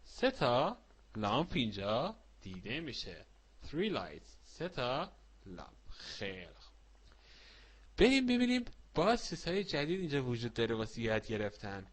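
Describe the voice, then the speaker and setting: Male children's-lesson teacher, very animated pitch, slow repeated word drills, quizzing and praising young listeners. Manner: lively, repeats each word slowly with stretched pronunciation; asks the listener questions and praises answers.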